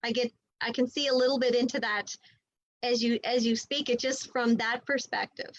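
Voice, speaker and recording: Woman, high-ish pitch, reflective speaker, dry muffled recording. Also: level tone, normal speed, no echo. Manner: reflective, relates her own experience. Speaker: panel guest. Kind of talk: panel discussion. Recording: dry, dull sound.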